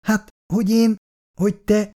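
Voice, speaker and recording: A man's voice: fairly high pitch, huge pitch swings, mellow, pitched above the performer's own voice. A man reading aloud, voicing an awkward young man who talks hesitantly and stammers. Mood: anxious, defensive.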